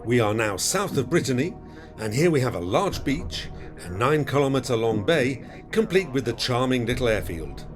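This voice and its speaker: A man's voice: medium pitch, very animated, normal speed, soft background music. A man narrating in a scripted, explanatory voice-over with an instructive manner. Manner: instructive, quizzing the viewer. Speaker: flight video narrator.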